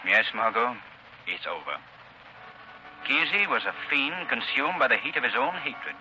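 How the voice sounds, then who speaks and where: An actor playing a menacing, commanding invisible crime-fighter with deliberate, theatrical 1930s radio delivery. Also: male voice, medium pitch, sing-song, bright, forceful tone, exaggerated voice. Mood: calm, explanatory. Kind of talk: 1930s radio thriller acting. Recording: noisy vintage 1930s radio broadcast recording.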